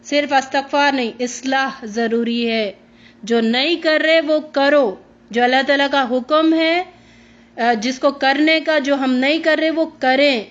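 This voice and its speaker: A high-pitched woman gives a Quran lesson on a dull, lo-fi recording. She explains each verse line by line and acts out the pleas and replies she describes. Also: fairly even intonation. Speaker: Quran teacher.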